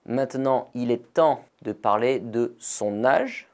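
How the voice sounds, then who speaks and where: A man from France teaching a beginner French lesson, slowly and carefully repeating model phrases for learners. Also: medium pitch, darkish tone.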